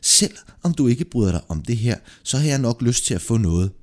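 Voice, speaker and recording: A man's voice: mid-range voice, expressive, a little mellow, pitched above the performer's own voice, natural voice. A man voicing a sly, greedy male wanderer who boasts and lies, with a brash, wheedling manner in a read-aloud folk tale. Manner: brash, wheedling, yelps when scared.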